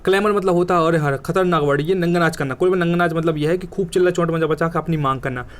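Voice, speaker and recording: Fast-talking vocabulary teacher, man. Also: fairly high pitch, steady tone. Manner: colloquial, joking, emphatic with vivid examples. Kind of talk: exam coaching lesson.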